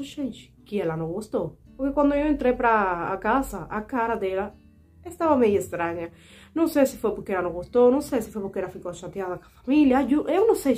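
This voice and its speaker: Casting note: Cuban woman, twenties, Spanish-accented, mid-pitched, chatty vlog storyteller with faint guitar behind. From Cuba. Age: 20s. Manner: chatty, animated, frequent fillers and asides to viewers. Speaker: vlogger. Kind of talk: casual storytelling to camera.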